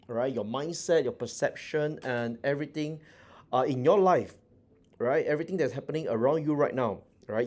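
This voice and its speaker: A man's voice: medium pitch, mellow. A middle-aged man teaching a motivational class, earnest and repetitive with many fillers. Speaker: teacher and business mentor.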